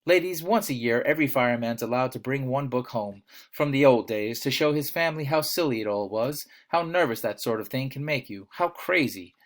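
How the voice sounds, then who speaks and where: A man's voice: medium pitch, expressive, brisk, hardly any pauses, natural voice. A man putting on a nervously chirpy housewife. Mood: coaxing. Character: chattering, anxious housewife, adult woman.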